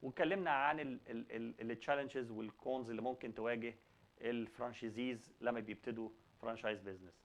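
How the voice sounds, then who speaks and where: Halting male host with Egyptian Arabic accent. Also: mid-range voice, fairly even intonation. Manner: halting, repeats word beginnings. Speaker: talk show host. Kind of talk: conversational presenting mixing Arabic and English.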